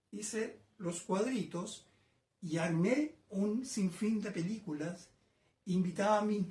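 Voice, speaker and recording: A man in his sixties with a Chilean accent, a painter recalling his childhood in a reflective, hesitant way, often pausing and adding tag questions. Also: high voice, roomy sound. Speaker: painter being interviewed. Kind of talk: casual reminiscing interview. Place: his home painting workshop.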